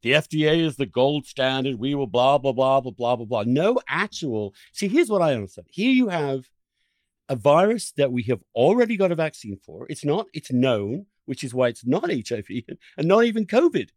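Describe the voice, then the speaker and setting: A podcast host with a mid-range, sing-song, darkish voice interviews a guest at a moderate pace in clean studio sound with no echo. He speaks with passion, hammering his points home through repeated words and piled-up phrases.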